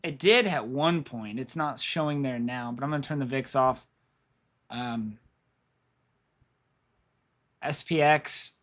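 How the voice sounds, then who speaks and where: This stock market streamer, whose voice is giving out, offers meandering live commentary on stock charts, repeating himself and thinking aloud. His mid-range voice has a fairly bright tone, and he goes slowly with frequent pauses.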